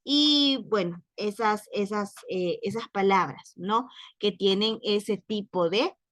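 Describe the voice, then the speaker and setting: A woman's voice: mid-range voice, takes it slowly, a bit bright, no echo. A woman teaching French to Spanish speakers in a recorded lesson, patiently repeating and explaining words. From Latin America.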